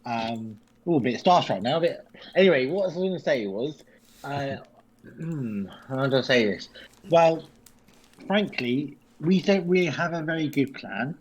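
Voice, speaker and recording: A man's voice: fairly high pitch, animated, a little slow. A man with a British accent playing a humble, awkward mortal adventurer in a tabletop game, rambling, apologetic and polite. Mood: flustered, starstruck. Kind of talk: tabletop role-play.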